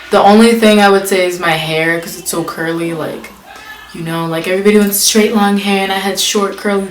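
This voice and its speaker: In an echoey room with slight background noise, a young woman vlogger works through tag questions in a chatty, casual way. Her voice sits lowish, and she reads every question out loud, peppering her answers with "like."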